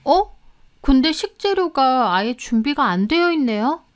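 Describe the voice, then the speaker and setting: A flustered young housekeeper with a high, shrill voice, as a woman narrator puts her on in a storybook tale. She talks in quick, nervous bursts. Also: expressive. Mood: polite.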